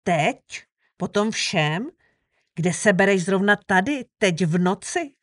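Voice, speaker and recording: A woman reading an audiobook voices a hot-headed young man with a short, snappish way of talking. Her middle-pitched voice sounds dry and close. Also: animated, no echo, close to an everyday voice. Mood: urgent. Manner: curt and snappish.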